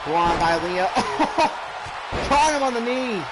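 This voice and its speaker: A man doing excited play-by-play as a wrestling commentator, exclaiming and often shouting out the moves. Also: extremely high pitch, slow pace. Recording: clearly noisy background.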